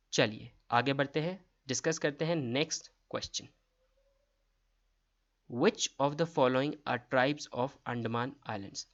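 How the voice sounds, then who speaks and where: A man's voice: mid-range voice, muffled recording. A man running an exam-prep quiz lesson, reading each question and its options aloud before explaining the answer. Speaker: quiz tutor.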